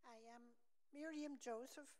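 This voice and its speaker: A woman's voice: sits high, steady tone, a little slow, darkish tone. A woman who works at a retreat house, introducing herself at a meeting in a playful, teasing way. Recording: long hall reverb.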